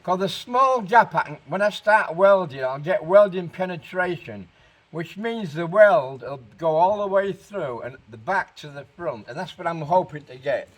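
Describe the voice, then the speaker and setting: A man's voice: sits high, expressive, normal speed, rough recording. A man giving an informal hands-on workshop tutorial, explaining each step and thinking aloud as he works. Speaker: car restoration demonstrator.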